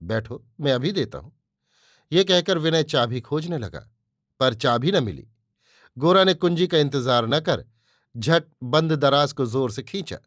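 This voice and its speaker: A man narrating a classic novel as an audiobook in a steady, clear storytelling manner. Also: on the high side, unhurried, no room sound, studio quality. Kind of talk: scripted narration.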